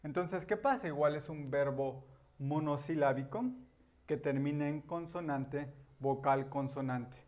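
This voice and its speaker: Slow, patient male grammar teacher. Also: fairly high pitch, a little mellow. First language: Spanish. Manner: patient, repeats key words, many "ujú" and "ajá" fillers. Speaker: English teacher. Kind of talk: explaining grammar at a board.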